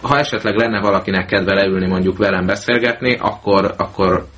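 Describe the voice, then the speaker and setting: A low-voiced man co-hosting a casual talk radio show, blunt and cynical with crude asides. His speech is often hesitant, with fillers and restarts. The recording is low-bitrate mono. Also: a bit bright.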